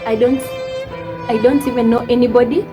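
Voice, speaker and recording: A woman's voice: a little high, steady tone, brisk, muffled recording, music in the background. Emotional young Kenyan woman telling a story. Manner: emotional, code-switching with Swahili. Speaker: vlogger. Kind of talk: storytime vlog.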